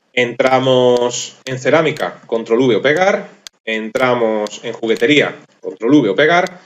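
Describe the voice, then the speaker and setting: Man, methodical screencast tutorial, thinks aloud, slightly dull lo-fi recording. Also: mid-range voice. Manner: methodical, thinks aloud, self-deprecating about his typing. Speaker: programming course instructor.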